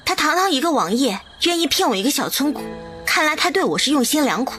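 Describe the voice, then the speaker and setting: A sharp-tongued village doctor. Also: female voice, sits high, big pitch swings, fast, faint music behind. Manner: cool, cutting retorts. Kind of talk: animated drama dubbing.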